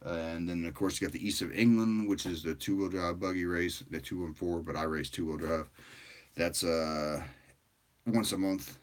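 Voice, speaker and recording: A tired man hosting a livestream, chatting casually with viewers in a rambling, relaxed way. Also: low voice. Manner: rambling and relaxed, with frequent fillers and laughs. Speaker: livestream host.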